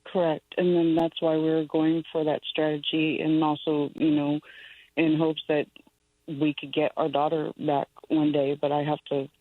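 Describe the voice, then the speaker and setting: A woman caller speaks with very little pitch movement, recounting her own situation casually. She comes through a narrow, phone-like line with a dry sound. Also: level tone, moderate pace, no echo. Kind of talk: casual personal account.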